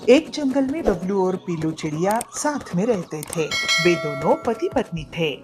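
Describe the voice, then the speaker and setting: A woman narrating a cartoon story for children in an expressive storytelling manner. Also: lowish voice, unhurried, over loud music.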